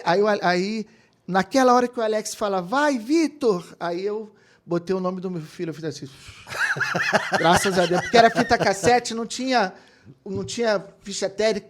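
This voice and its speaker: Lively storytelling man, higher voice. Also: moderate pace. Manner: animated anecdotes with quoted voices and laughter. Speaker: guest, keyboardist and music producer. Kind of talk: casual storytelling interview.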